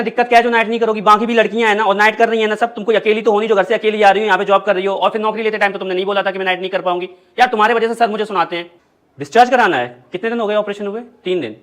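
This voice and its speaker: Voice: mid-range voice, fairly bright tone, natural voice. A woman playing a bossy ward nurse. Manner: scolding, brisk.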